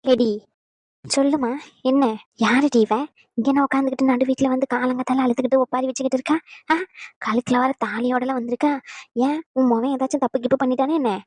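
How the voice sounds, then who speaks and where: A woman voicing a sharp-tongued, caring mother-in-law in a cartoon, scolding and coaxing. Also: high-pitched, fairly even intonation, slightly rough, no echo, poor audio. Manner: scolding, fast and bossy. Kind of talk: cartoon dubbing.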